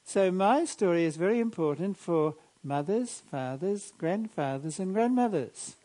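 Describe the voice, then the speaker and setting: Measured older priest with a mellow voice. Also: male voice, sits high, lively intonation. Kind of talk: Gospel reading and homily.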